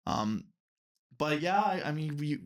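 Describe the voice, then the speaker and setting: Fairly high-pitched and animated, he speaks a little slowly. He's a twenty-something referee and teacher from the United States, casually rambling as an interview guest with lots of "you know" fillers.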